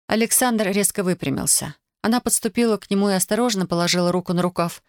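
A woman reading novel narration aloud in a steady, even manner on a close studio mic. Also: mid-range voice, fast talker, no echo. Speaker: audiobook reader. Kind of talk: scripted narration.

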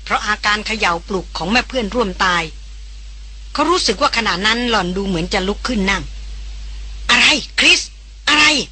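A woman narrating a novel in a steady, measured reading voice. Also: medium pitch, husky. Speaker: audiobook narrator.

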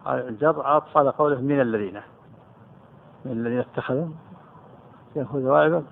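Brisk sheikh on a tinny recording. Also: male voice, medium pitch, creaky. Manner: quick, emphatic explaining with repeated words. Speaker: sheikh explaining a text. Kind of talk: scholarly commentary in a lesson.

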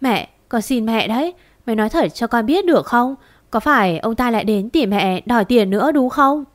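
A woman's voice: fairly high pitch, expressive, moderate pace, close to an everyday voice. A woman voicing an anguished grown daughter who presses her mother with urgent, reproachful questions, in an audio story. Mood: cold.

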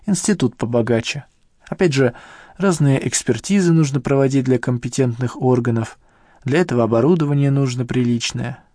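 A man with a medium-pitched, mellow, natural voice reads briskly in clean studio sound with no room noise. In this audiobook he voices a persistent young woman scientist, keeping close to his own voice while sounding pressing and questioning.

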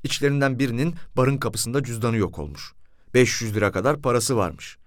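A man's voice: mid-range voice, brisk, no echo, studio quality. A man narrating a first-person story in an audiobook, telling it expressively.

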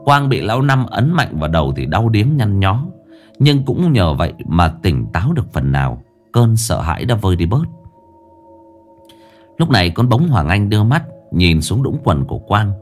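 Male ghost story narrator, low voice, lively expressive delivery, faint music. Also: moderate pace.

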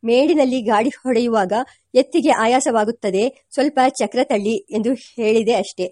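A woman reading aloud as a gentle, modest village violin teacher, patiently explaining himself in a fairly high, mellow voice. His storybook lines are polite and earnest, in a dry, close recording. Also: normal speed, no room sound, lightly acted. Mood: humble, explaining. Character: humble older village violin teacher, man.

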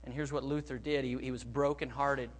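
A middle-aged man preaching a sermon as pastor, moving between quiet, hushed phrases and loud, emphatic bursts. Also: medium pitch, steady tone, brisk.

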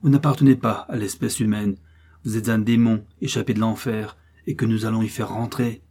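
Male reader doing a cold nobleman judge, stern and husky. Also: lowish voice, fairly even intonation, brisk, warm tone. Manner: cold, firm pronouncements. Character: cold, stern nobleman swordsman passing judgment.

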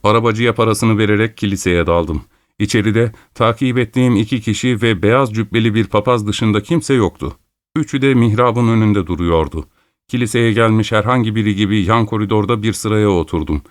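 Low-voiced man reading an audiobook. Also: no echo, studio quality. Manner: measured storytelling. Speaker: audiobook narrator. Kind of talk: scripted first-person narration.

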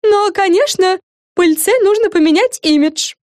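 Woman doing a squeaky vain fairy girl. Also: animated, moderate pace, darkish tone, dry recording, studio quality. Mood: showy. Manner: bossy, self-important. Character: bossy vain young fairy girl, showoff.

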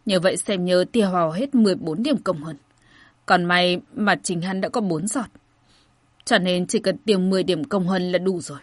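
A woman narrating a fantasy novel as an audiobook in a steady, even storytelling voice. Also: lowish voice, no room sound.

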